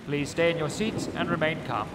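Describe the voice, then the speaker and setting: A man voicing an airline pilot giving formal announcements over a loudspeaker. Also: on the high side, moderate pace, background noise, pitched above the performer's own voice.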